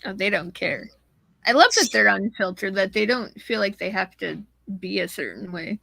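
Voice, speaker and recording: A woman's voice: medium pitch, lively intonation, normal speed, gravelly, bright, forceful tone, no room sound. A woman co-hosting a casual watch party chat, enthusiastic and outspoken. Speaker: co-host, friend of the host.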